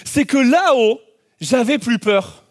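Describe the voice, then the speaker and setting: A man preaching a sermon as pastor, telling a personal story with lively shouts and playful asides. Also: very high-pitched, slow pace. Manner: animated storytelling, acts out scenes with shouts.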